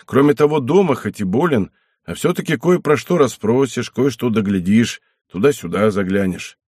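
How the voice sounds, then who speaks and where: A man voicing an old ailing knight in an audiobook, speaking slowly and heavily, softened by emotion, with a husky voice. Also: medium pitch, animated, no echo, clean studio sound. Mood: weary. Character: old ailing male knight, weary and stubborn. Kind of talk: audiobook character reading.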